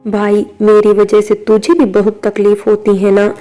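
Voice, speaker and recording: Soft loving big sister in a storybook read by a woman, smooth mellow voice. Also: medium pitch, monotone, measured pace, soft background music, close to an everyday voice. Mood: tender. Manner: soft, affectionate. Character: tender weary young woman, loving elder sister. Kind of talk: storybook reading.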